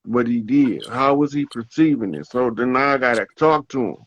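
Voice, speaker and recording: A man in casual conversation, relaxed and storytelling, who acts out the voices of the people he talks about. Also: medium pitch, normal speed, muffled recording.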